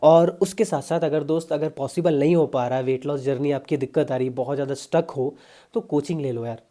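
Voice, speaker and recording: A man's voice: fairly high pitch, fairly quick, dark tone. A young man, a fitness coach giving casual, chatty diet advice straight to his viewers. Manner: chatty, pushy, addresses viewers as brother.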